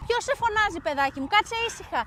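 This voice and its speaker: A woman's voice: very high-pitched, animated, very noisy. A woman playing a flustered owner who scolds her dog on a walk. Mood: scolding. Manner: scolding, bossy.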